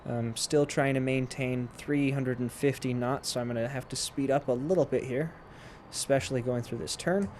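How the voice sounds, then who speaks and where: A man's voice: mid-range voice, fairly even intonation, normal speed, hardly any pauses, darkish tone. Man giving a tutorial over noisy cockpit ambience. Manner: explains step by step while playing. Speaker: flight sim tutorial presenter. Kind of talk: casual instructional gameplay commentary.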